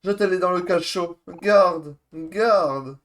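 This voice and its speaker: A man's voice: sits high, takes it slowly. A man voicing a vain, haughty woman queen who scorns commoners, in a theatrical game voice.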